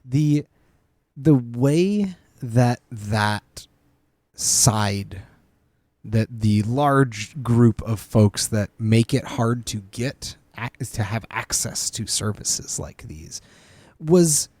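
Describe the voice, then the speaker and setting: Guy on a movie podcast, pitch jumps all over, dry close mic, laughs a lot. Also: extremely slow, no room sound. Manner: animated, laughs often, trails off and restarts. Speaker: podcast co-host. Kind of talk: casual movie podcast chat.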